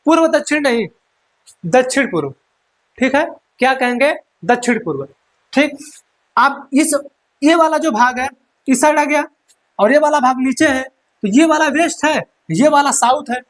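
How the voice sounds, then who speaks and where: A man's voice: extremely high pitch, lively intonation, moderate pace, pauses often. A man teaching a lesson, repeating each point and quizzing listeners, with an Eastern Hindi accent. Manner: repetitive, quizzes listeners with "क्या कहेंगे?" and "ठीक है". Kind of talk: classroom lesson.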